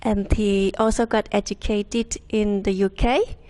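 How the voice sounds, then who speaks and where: A woman hosting an interview, asking questions hesitantly with many pauses and fillers. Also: medium pitch, fairly even intonation, warm tone. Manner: hesitant, many ums and uhs. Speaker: interviewer host.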